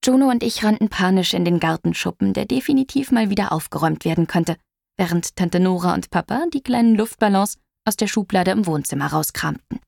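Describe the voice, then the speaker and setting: Gravelly-voiced woman reading a story. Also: mid-range voice, expressive, fairly quick, darkish tone, no room sound, clean studio sound. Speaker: audiobook reader. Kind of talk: scripted audiobook narration.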